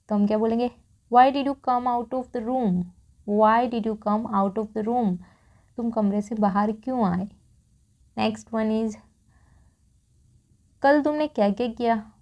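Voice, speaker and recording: Mellow-voiced Indian woman teaching English. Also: medium pitch. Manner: reads each English sentence slowly twice, then explains. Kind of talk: spoken English lesson in Hindi.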